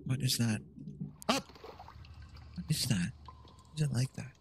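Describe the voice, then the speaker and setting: A man's voice: mid-range voice, expressive, a little slow, gravelly, background noise. A man live-streaming a horror game, yelping at scares, laughing, and chatting to his viewers, a little out of breath. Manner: jumpy, yelps and laughs at scares, chats to viewers. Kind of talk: casual live-stream gaming chat.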